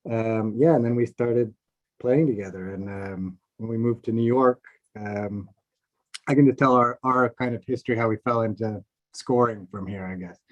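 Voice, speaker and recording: A middle-aged man from Seattle, a film composer, telling his story in a relaxed, rambling way over a video call. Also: medium pitch, moderate pace. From Seattle, USA. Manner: relaxed, rambling with many fillers. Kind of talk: casual video-call chat. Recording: dull lo-fi call audio.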